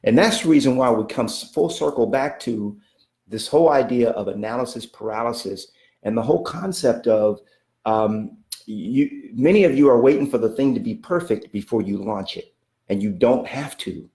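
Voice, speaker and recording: A man's voice: mid-range voice, lively intonation, normal speed, warm tone, roomy sound. A man giving a motivational coaching talk, emphatic and repetitive, often checking in with "okay?" and speaking of God in a preacherly way. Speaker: real estate coach.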